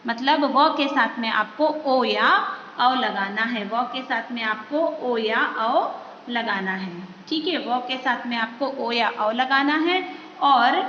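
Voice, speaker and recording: A woman's voice: high voice, pushed and bright. A woman teacher explaining a grammar lesson patiently, step by step, asking the viewer questions as she goes. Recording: echoey dull room recording with faint noise.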